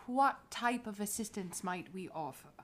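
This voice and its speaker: A woman voicing a polite, formal negotiator who talks in elaborate, halting courtesies. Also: medium pitch, lively intonation, close to an everyday voice. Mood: courteous.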